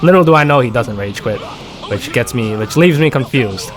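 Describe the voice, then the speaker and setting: A man's voice: mid-range voice, animated, normal speed. Guy casually talking over his game footage, lots of uh and restarts, faint music behind. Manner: rambling, many fillers and restarts. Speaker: gaming content creator. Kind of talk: casual gameplay commentary.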